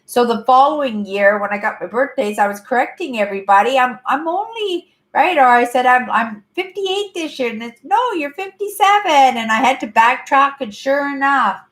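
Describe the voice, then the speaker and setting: Animated and fairly bright, this woman's high-sitting voice moves at normal speed with few pauses. She's a Canadian livestream host in her fifties, chatting casually to viewers from her apartment, rambling, repeating herself, and tacking "right?" onto her sentences.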